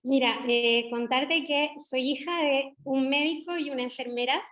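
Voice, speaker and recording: A middle-aged woman with a Chilean accent, a doctor speaking as guest in an interview, measured and reflective with pauses. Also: sits high, fairly even intonation, a bit bright. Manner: measured, reflective, frequent hesitations. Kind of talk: conversational interview.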